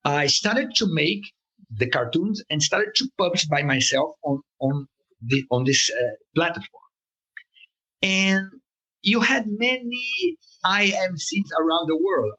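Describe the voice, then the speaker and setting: A man with a Brazilian Portuguese accent talks as an interview guest, pausing often and restarting his sentences. His voice sits a little high, with a bright tone that moves widely in pitch. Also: poor audio. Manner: halting, many fillers and restarts, searches for words. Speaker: political cartoonist, guest. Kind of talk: interview conversation.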